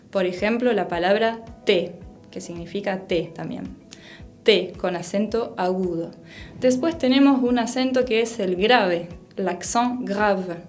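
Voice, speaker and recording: A woman's voice: medium pitch, darkish tone. A woman whose first language is French, teaching a pronunciation lesson and patiently repeating each sound to model it.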